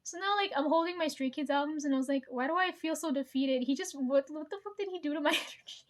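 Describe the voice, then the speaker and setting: This vlogger talks fast in a high, bright register, addressing viewers directly as she wanders through a story. Her chat is loose and casual, peppered with swearing, frequent laughter and check-ins with her audience.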